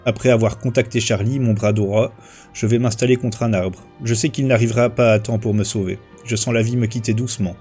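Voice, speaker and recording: A man reading his own first-person short story aloud on a livestream, in a steady, measured way with small slips and restarts. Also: on the low side, faint music behind.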